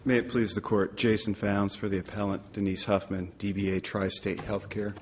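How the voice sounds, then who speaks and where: A man speaking as an appellate lawyer, delivering a formal but somewhat halting oral argument in court. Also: fairly low pitch, little pitch movement, slight background noise. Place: large courtroom. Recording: reverberant courtroom.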